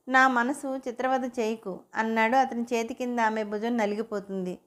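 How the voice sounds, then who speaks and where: A woman reading a romantic story aloud in a steady, even narration. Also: on the high side.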